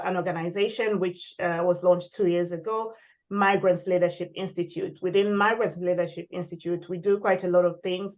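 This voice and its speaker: A woman from Zambia, a guest at a panel discussion on leadership, introducing herself in a measured way. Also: lowish voice, muffled recording. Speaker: guest speaker, leadership lecturer.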